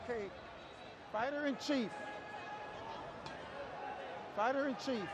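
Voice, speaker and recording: A man's voice: extremely high pitch, takes it slowly, over a noisy crowd. A man refereeing boxing, giving firm, clipped pre-fight instructions in the ring. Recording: noisy arena ring microphone.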